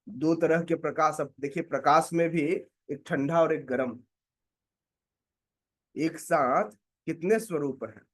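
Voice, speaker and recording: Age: adult. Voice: high-pitched man. Style: devotional lecture, asking the listeners rhetorical questions. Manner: asks rhetorical questions and checks listeners follow; explains slowly with many pauses. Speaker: preacher teaching a scripture class.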